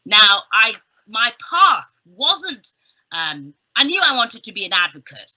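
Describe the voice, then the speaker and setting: A middle-aged southern English woman speaks slowly in a husky voice on the high side, pushed and bright, with big pitch swings. She gives an informal, chatty careers talk as a guest speaker, emphatic and sprinkled with humorous asides. It's a video call from a small indoor room with bookshelves, and the sound is slightly dull.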